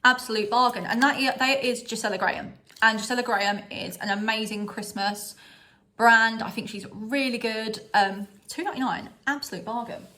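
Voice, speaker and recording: A woman's voice: on the high side, moderate pace, bright, forceful tone. Bubbly woman chatting a haul. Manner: bubbly, chatty, laughs at herself. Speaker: vlogger. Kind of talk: casual home haul vlog. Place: at home, in front of a styled background.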